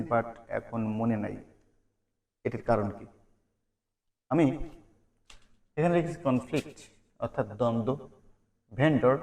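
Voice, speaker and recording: An English teacher with a medium-pitched, slightly mellow voice leads a vocabulary lesson. He drills each word and its meaning by repetition, posing questions and then answering them himself.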